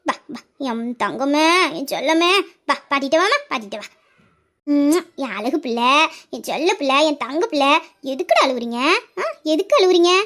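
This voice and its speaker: A woman voicing a doting, fussy old grandmother who coos and scolds. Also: very high voice. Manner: cooing, then nagging.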